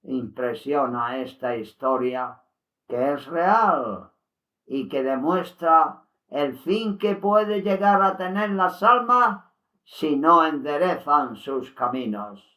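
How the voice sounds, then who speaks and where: A man giving a slow, solemn devotional reading and commentary. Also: a little high, animated, sharp tone. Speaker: lay Bible commentator.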